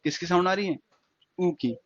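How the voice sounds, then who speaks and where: Male shorthand tutor, slightly high-pitched, steady repetitive classroom delivery, muffled lo-fi audio. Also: slightly rough, no echo. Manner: slow, repetitive explaining with questions to students. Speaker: stenography teacher. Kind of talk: classroom lesson.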